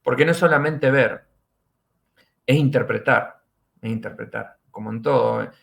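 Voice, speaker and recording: A man's voice: mid-range voice, normal speed, vocal fry, fairly bright tone. A middle-aged man with an Argentine accent, a forensic doctor guest on a podcast, explaining his work and repeating key phrases for emphasis. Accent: Argentine Spanish. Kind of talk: podcast interview.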